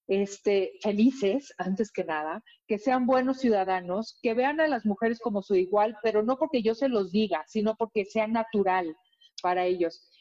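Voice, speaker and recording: A woman's voice: a little high, darkish tone, dull audio. Woman hosting a talk show. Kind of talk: casual chat.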